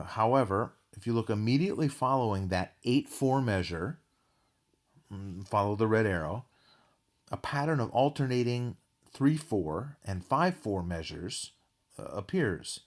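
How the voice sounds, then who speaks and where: A man with a fairly low voice walks through a music analysis in a recorded lecture. He speaks in a measured, academic way and drops in an occasional filler.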